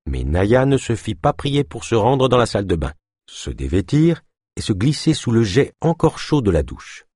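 A man narrating an audiobook in a lively, expressive storytelling manner. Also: lowish voice, moderate pace, slightly rough, no room sound, clean studio sound.

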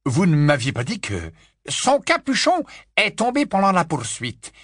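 A man's voice: a little high, huge pitch swings, a little slow, a bit bright, no room sound, clean studio sound, pitched above the performer's own voice, heavily acted. Harry: a man doing a shaken teenage boy. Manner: urgent, exclaiming. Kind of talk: audiobook character reading.

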